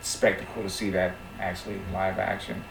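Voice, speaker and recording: Excitable man in an echoey room. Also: sits low, brisk, vocal fry, slight background noise. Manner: emphatic, excitable. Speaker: panelist. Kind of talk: casual panel chat.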